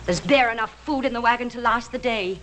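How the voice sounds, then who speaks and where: An actress playing a feisty, proud and warm-hearted Irish frontier woman in a TV western, with outspoken, lilting, folksy speech. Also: fairly high pitch, fairly quick, a little hiss or hum, natural voice. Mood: motherly. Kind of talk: 1960s TV western acting.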